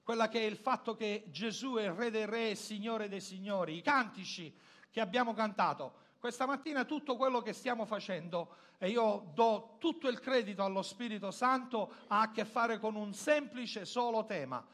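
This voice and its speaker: A man from Italy preaching a church sermon, swinging between loud exclamations and low, quiet asides. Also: moderate pace. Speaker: pastor.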